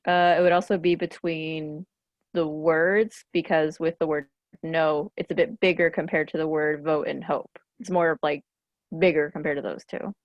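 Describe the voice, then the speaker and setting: A woman's voice: low voice, steady tone, normal speed, dry recording. A woman student thoughtfully explaining her point in an online class over a video call. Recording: dull dry lo-fi call audio.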